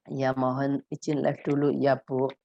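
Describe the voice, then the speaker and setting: A woman therapist giving gentle advice to parents in a live question-and-answer session, thinking aloud as she goes. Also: very deep voice, vocal fry, muffled recording.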